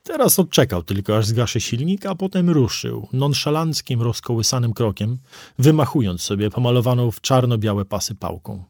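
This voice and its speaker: A man's voice: medium pitch, expressive, moderate pace, a little mellow, no echo, studio quality. A man reading a first-person story aloud as an audiobook narrator, with vivid storytelling delivery.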